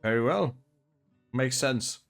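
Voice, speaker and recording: A man's voice: mid-range voice, animated, slow, creaky, faint music behind. A man playing a tabletop game, chatting casually and politely asking what words mean. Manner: polite, asks about word meanings. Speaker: player.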